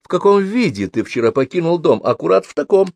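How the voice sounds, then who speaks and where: A male audiobook reader voicing a lively, ironic young woman who is the story's heroine. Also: a little high, brisk, creaky, dry recording, voice pushed up, full character voice. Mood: teasing.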